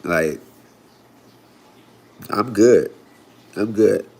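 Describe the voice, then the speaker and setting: Here the forties-aged Florida livestream host speaks very slowly in a lowish, expressive voice with vocal fry and a darkish tone. He addresses viewers casually and loosely, leaning on "y'all" and "right?".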